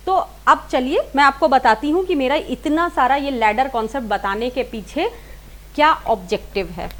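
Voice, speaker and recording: In an informal singing lesson, a teacher with a high-pitched, somewhat bright voice explains things step by step. She keeps repeating and rephrasing her points, with English words blended into her talk. There's clear hiss and background noise.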